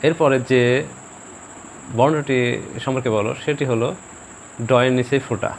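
A man teaching pronunciation in a video lesson, speaking slowly and deliberately and repeating each example word for practice. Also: medium pitch, fairly even intonation, slight background noise.

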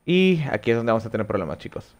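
A young Mexican-accented streamer casually talks with his audience during gameplay on a headset at home in a small room, thinking aloud and swearing a bit. His mid-range voice is very animated and fast, with the highs cut off and slight background noise.

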